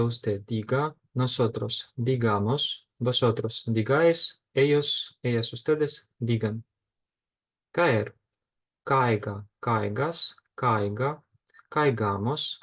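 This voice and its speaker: A man with as his gives a grammar lesson. He talks very slowly and steadily, reading out verb forms one at a time with a patient, deliberate teacher's delivery. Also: medium pitch. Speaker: language teacher.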